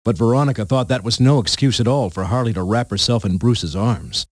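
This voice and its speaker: A man's voice: mid-range voice, brisk, heavy background noise. A man narrating a storybook game in a playful, punning storyteller manner.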